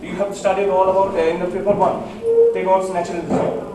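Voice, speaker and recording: A man with a high voice and a Bengali accent addresses an assembly from far off in a very reverberant, noisy space. He is nervous and halting, often repeating himself as he speaks earnestly off the cuff. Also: flat delivery. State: nervous, shaking. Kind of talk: impromptu public speech. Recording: very echoey, distant mic, noisy background.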